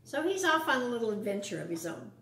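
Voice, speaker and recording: A woman reading a children's picture book aloud at storytime, expressive, with asides to her young listeners. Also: fairly high pitch, fast talker, distant mic. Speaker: storytime reader. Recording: echoey room.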